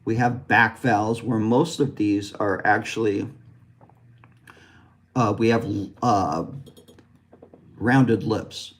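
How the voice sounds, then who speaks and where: An American man with a low-set voice walks through English vowel sounds at an unhurried pace. He speaks as a pronunciation teacher, pausing on each sound to model it. His explanations are patient and dotted with ums and uhs. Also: fairly even intonation. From West Coast of the United States. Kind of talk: explanatory lesson with demonstrations.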